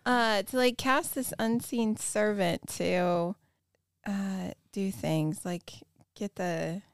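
Woman, tabletop player, hesitant, many fillers, gravelly voice, dry sound. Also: medium pitch, takes it slowly, no room sound. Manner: hesitant, asks before acting, filler-heavy. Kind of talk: tabletop game chat.

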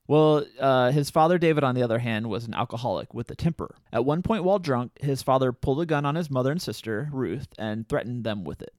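A man's voice: mid-range voice, a little mellow, dry recording, clean studio sound. A man co-hosting a podcast, moving between casual chat and scripted storytelling. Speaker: podcast co-host.

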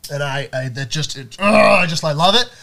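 A man with a fairly high voice chats casually on a podcast. He rambles through his stories with plenty of fillers, and he jumps up in pitch when he gets excited. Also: a little fast, vocal fry. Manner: rambling, animated storytelling with many fillers. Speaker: podcast co-host. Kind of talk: casual chat.

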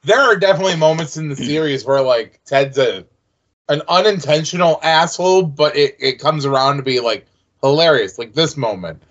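Jokey podcast co-host, lo-fi sound. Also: male voice, fairly high pitch, moderate pace, fairly bright tone. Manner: jokey, slips into playful mock voices. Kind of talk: casual chat recapping a sitcom episode. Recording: slightly dull lo-fi sound.

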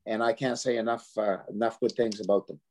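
A man's voice: on the low side, fairly even intonation, a little fast, darkish tone. A man chatting casually as an interview guest, reminiscing in a folksy, emphatic way with running lists. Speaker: interview guest, hockey veteran.

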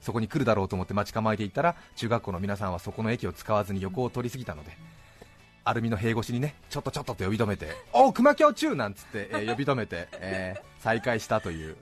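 A man hosting a radio talk show and telling an anecdote in a casual, animated way, acting out the other people's lines and laughing often. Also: fairly low pitch, quick pace, faint music behind. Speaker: radio host.

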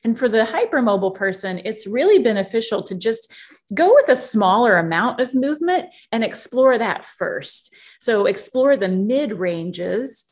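A woman interviewed as a yoga author, explaining in a measured, teacherly way. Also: on the high side, lively intonation. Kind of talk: podcast interview.

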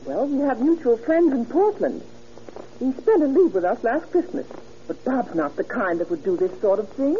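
Anxious housewife, high swooping voice. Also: female voice, normal speed. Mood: defensive. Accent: American. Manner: earnest, expressive, worried. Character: respectable, anxious American housewife burgled by sailors. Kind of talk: old-time radio drama acting. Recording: muffled, noisy old radio recording.

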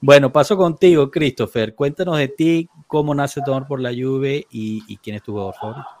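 A man's voice: mid-range voice, brisk, darkish tone. A man hosting a casual podcast chat, handing the floor to guests and laughing often. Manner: friendly, laughs often, hands over to guests. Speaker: podcast host.

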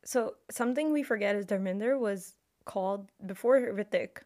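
A woman's voice: medium pitch, moderate pace, darkish tone. A woman co-hosting a film podcast, chatting casually and animatedly, with many fillers. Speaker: podcast co-host. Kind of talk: casual chat.

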